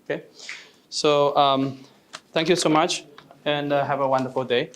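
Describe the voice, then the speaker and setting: A man moderating a university session, giving formal closing thanks in a polite, halting way with many fillers. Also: on the high side, fairly even intonation, a bit bright.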